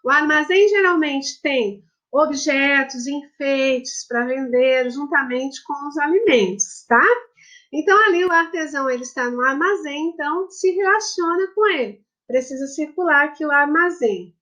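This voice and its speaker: A woman's voice: high-pitched, moderate pace, sharp tone. A woman, a primary school teacher recording a lesson for children, explaining patiently and affectionately step by step.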